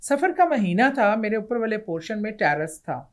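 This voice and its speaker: Middle-aged female interview guest, animated storyteller, hesitant fillers between phrases. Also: medium pitch. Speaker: interview guest, former politician.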